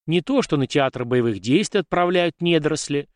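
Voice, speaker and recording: A man voicing an irritable, sharp-tongued young nobleman who speaks bluntly, in a storybook reading. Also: mid-range voice, animated, dry recording, natural voice. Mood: indignant. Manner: blunt, quick to snap.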